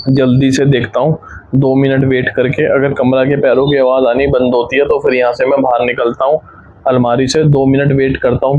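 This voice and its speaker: A young man giving frightened, hurried commentary as he plays a horror game, narrating each move to his viewers. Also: mid-range voice, dull audio. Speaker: gaming YouTuber.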